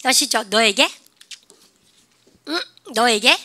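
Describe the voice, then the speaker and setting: A middle-aged woman teaching English grammar in a classroom, lively and drilling her students with call-and-response prompts. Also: on the high side, takes it slowly. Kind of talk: classroom lecture.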